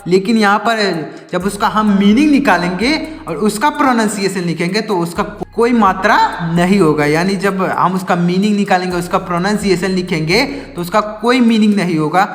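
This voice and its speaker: A man's voice: sits high, normal speed, hardly any pauses, in a large hall. A man teaching an English lesson, asking his own questions and answering them again and again.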